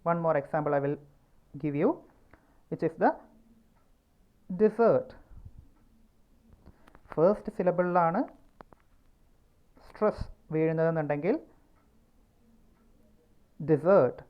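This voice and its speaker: A woman teacher with a Malayali accent giving a pronunciation lesson, speaking slowly and repeating words to show where the stress falls. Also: deep voice, smooth, dull audio.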